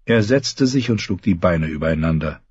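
A man narrating a novel as an audiobook reader, measured and lively. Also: low voice, breathy edge, no room sound. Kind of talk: scripted narration. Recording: dull, dry, lo-fi.

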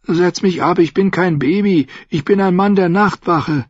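A man narrating an audiobook puts on a tearful, pleading young man whose voice climbs high and cracks with whimpering. The delivery is slow and the recording is dry and slightly muffled, with a husky edge. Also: dry recording. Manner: pleading, whiny. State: crying.

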